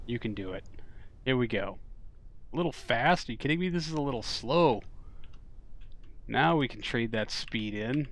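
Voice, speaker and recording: A man streaming a game, talking casually and reacting loudly when things go wrong. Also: mid-range voice, expressive, normal speed, pauses often. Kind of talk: live game commentary.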